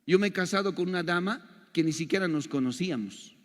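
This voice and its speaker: An older man teaching a church seminar as a pastor, telling animated stories and asking his audience rhetorical questions. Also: high voice, fairly quick, in a large hall. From Bolivia. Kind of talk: seminar lecture to a congregation.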